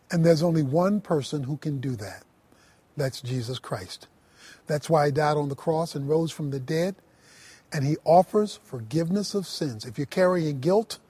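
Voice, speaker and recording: A man bible teacher making a calm, earnest studio appeal straight to the listener. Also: fairly high pitch, husky, no room sound.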